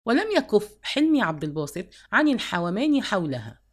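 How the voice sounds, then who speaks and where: Woman narrating an audiobook, lively pitch. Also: brisk.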